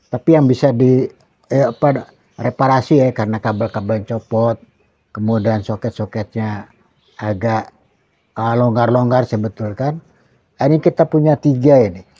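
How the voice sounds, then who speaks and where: Older man, retired host, casual show-and-tell, unhurried and rambling, muffled lo-fi sound. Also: medium pitch, steady tone, warm tone, no room sound. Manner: slow, rambling, with many fillers and restarts. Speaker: channel host. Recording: dull lo-fi dry sound.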